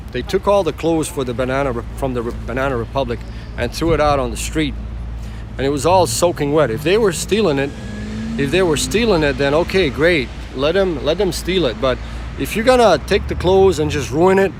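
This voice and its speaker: This man's voice is medium in pitch, with background noise around it. He's a rideshare driver from the former Yugoslavia, livestreaming from his car on city streets, talking loosely to viewers, circling back over the same points and replying to chat messages.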